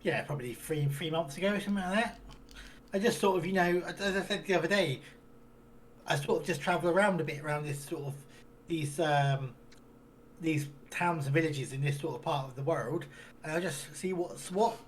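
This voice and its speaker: A man doing a rough-spoken half-elf handyman who wanders from town to town. He rambles in a folksy way with plenty of fillers and broken grammar, his voice sitting a touch high. A faint hiss runs underneath. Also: normal speed, lightly acted. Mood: rambling. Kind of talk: tabletop role-play in character.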